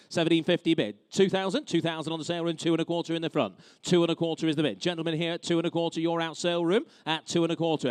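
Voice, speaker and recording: A man with a British accent working as a live auctioneer, calling and repeating bids briskly with informal banter to the bidders. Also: on the high side, clear, resonant tone, no echo.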